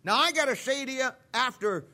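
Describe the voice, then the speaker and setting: Fiery, high-pitched preacher in his fifties. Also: animated, a little fast, bright, forceful tone. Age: 50s. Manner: impassioned preaching with folksy asides and repetitions. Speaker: pastor. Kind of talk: sermon. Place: church.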